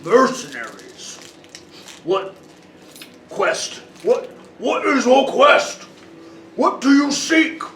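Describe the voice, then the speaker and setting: Dopey, bellowing cartoon giant, high and slow. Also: male voice, sing-song, fairly bright tone, exaggerated voice. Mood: booming curiosity. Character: dopey, grandiose one-eyed giant cult leader. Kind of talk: tabletop role-play character voice. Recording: roomy, distant mic with faint noise.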